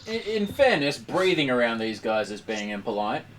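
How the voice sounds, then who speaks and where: A man's voice: mid-range voice, big pitch swings, normal speed, distant mic. A man trading sardonic wisecracks as a player in casual tabletop game banter, over faint noise.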